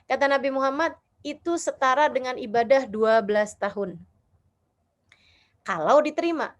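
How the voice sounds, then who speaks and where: A woman's voice: sits high, moderate pace, muffled recording. A woman religious teacher giving an Islamic study lecture to a women's group, reciting Arabic prayers and explaining them in a preaching manner. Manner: warm didactic preaching, chanting Arabic prayers then translating. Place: online or live study session for women.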